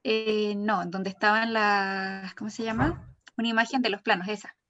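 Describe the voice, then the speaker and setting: A woman's voice: medium pitch, fairly even intonation, normal speed, fairly bright tone, soft background music. Hesitant woman on a dull call line. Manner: hesitant, searches for words. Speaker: workshop student. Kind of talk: asking a question on a video call.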